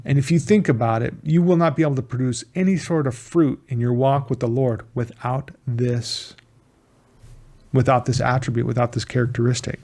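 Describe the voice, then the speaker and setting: A man in an even middle register gives an informal Bible teaching. He speaks earnestly, often repeating key words for emphasis and restarting his phrases as he goes. He is from the United States. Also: mid-range voice, moderate pace.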